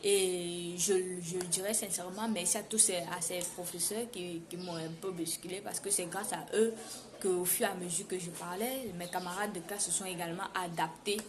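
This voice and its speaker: A woman from Cameroon with a Cameroonian French accent, telling a casual story to her viewers in an animated way and repeating words for emphasis. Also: on the low side, moderate pace, music in the background. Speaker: vlogger. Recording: noisy background hiss.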